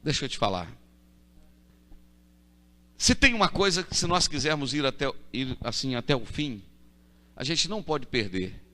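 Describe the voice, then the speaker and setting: A middle-aged man with a deep voice, preaching a sermon as pastor, moving from quiet storytelling to loud repeated proclamations. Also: big pitch swings, normal speed, pauses often. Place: church. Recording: church hall reverb.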